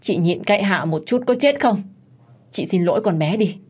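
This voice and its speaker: A woman's voice: expressive, moderate pace, a little mellow, husky. A woman voicing a bossy older mother-in-law who scolds sharply in a told story. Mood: scolding. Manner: scolding, shrill.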